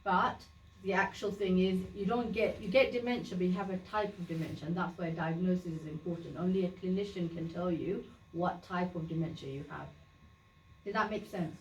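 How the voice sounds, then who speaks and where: A Bangladeshi woman whose first language is Sylheti gives an informal talk to a community group in a meeting room, explaining things plainly with many fillers and restarts. Her voice is lowish, steady, and a little fast. The echoey recording catches her from a distance, with slight background noise.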